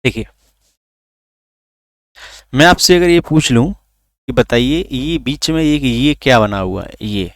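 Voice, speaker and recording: एक आदमी, जो रिकॉर्ड की गई ऑनलाइन क्लास पढ़ाता है, खुद सवाल पूछकर खुद जवाब देता है और स्वरों को खींचकर बोलता है।. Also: male voice, mid-range voice, takes it slowly, long pauses, no room sound, studio quality. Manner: asks questions then answers them himself; drags out vowels to demonstrate. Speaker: teacher. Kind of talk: recorded online lesson.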